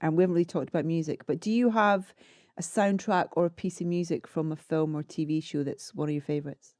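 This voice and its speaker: Enthusiastic woman interviewer, lowish voice. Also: fairly even intonation, quick pace, dry recording, clean studio sound. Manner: warm, reassuring, fan-like enthusiasm. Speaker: interviewer host. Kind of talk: casual interview chat.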